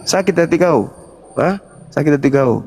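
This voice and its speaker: A man's voice: a little high, expressive, moderate pace, darkish tone, breathy edge. A middle-aged man hosting a heated live religious debate, talking combatively and mocking his opponent with laughter. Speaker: debate show host, foundation founder.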